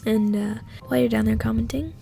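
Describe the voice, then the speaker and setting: A woman host reading a scary story aloud in a hushed, often whispered voice, then chatting casually with fillers; her voice is husky. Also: fairly high pitch, steady tone, brisk, music in the background.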